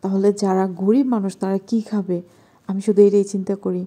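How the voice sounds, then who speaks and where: Soft-spoken Bangladeshi woman, very dark voice. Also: mid-range voice, little pitch movement, brisk, husky. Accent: Bangladeshi Bengali. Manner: talking softly and quietly at night. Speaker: vlogger cooking at home. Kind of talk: casual cooking vlog narration. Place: home kitchen at night.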